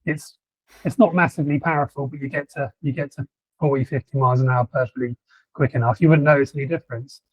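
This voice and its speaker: A man's voice: mid-range voice, fairly even intonation, fast, husky, no room sound, lo-fi sound. A man co-hosting a podcast, chatting casually with lots of ums and restarts. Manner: rambling, many fillers and restarts. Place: lives in southern England.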